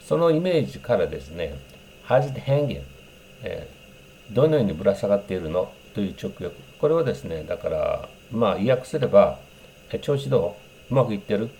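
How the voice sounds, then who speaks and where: Brief: male English teacher, low mellow voice, relaxed explainer with lots of fillers. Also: a little hiss or hum. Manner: unhurried, explanatory, many fillers, demonstrates English phrases. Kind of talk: casual spoken lesson on English greetings.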